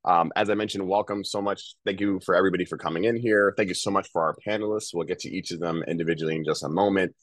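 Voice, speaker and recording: Brief: male webinar host, nasal from a cold, upbeat chatter, deep voice, video call audio. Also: steady tone, fast, hardly any pauses, no room sound. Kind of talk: webinar hosting. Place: home, calling in.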